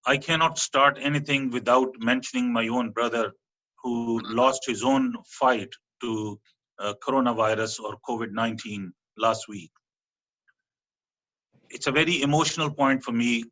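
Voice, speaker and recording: A man's voice: mid-range voice, unhurried, bright, forceful tone, dull audio. A man speaking as guest and general secretary, giving an earnest formal speech with hesitant fillers.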